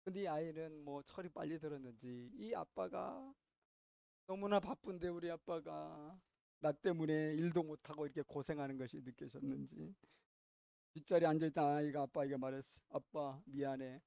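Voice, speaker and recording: A pastor preaches a sermon, telling a story that swings sharply between loud and quiet while he questions the congregation. His voice is on the high side, creaky, and moderately paced, in a dry recording.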